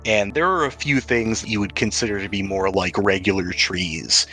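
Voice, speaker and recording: A man serves as game master for a tabletop role-playing game, describing scenes in a conversational, improvised way. His voice sits fairly low and moves at a normal speed, sounding pushed and bright. The audio is poor, with music playing behind him.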